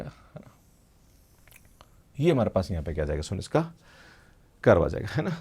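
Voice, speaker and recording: A middle-aged man with a low, gravelly, dark voice teaches math at a board. He mixes in English technical terms, calls his students "beta," and checks in with them constantly using "hai na."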